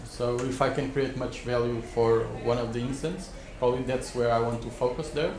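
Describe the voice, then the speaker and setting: A man's voice: medium pitch, fairly even intonation, echoey room, crowd noise. A man on a panel giving spontaneous business advice, often restarting and repeating words, recorded by a distant mic in a wood-panelled conference room. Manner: halting, repeats words as he rethinks. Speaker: expert panelist advising startups.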